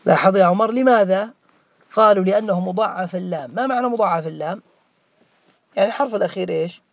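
A man's voice: sits high, fast, vocal fry, dry recording. A man teaching morphology, questioning students by name and repeating key words as a drill. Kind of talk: interactive grammar lesson.

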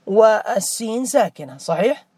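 A man's voice: high-pitched, lively intonation, moderate pace, darkish tone, breathy edge, no room sound, clean studio sound. A man teaching morphology, questioning students by name and repeating key words as a drill. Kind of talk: interactive grammar lesson.

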